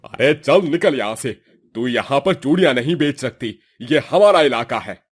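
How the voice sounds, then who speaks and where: A rough market thug, voiced by a man in a cartoon, rude and bullying as he orders a woman away. The voice is an ordinary adult male one at a middle pitch. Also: expressive, normal speed. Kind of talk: Hindi cartoon voice acting.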